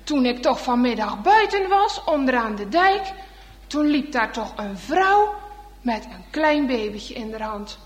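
Earnest storybook boy, high and slow, read by a woman, echoey hall. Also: very animated. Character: frightened curious young village boy.

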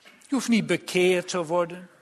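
A male preacher voicing the devil as a tempter who whispers soft, coaxing lies into a listener's ear. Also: sits high, a little slow.

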